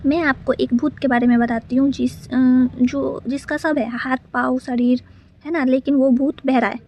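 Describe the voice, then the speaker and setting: A woman's voice: high voice, fairly even intonation, moderate pace, dull audio, slight background noise. A woman casually telling a personal story in a rambling way, full of fillers and restarts.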